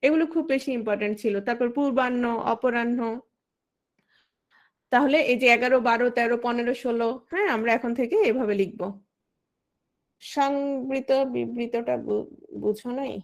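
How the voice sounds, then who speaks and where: A woman's voice: on the high side, normal speed, pauses often. A woman teaching an exam-prep language lesson. She keeps asking her students questions, answers them herself and calls on students by name.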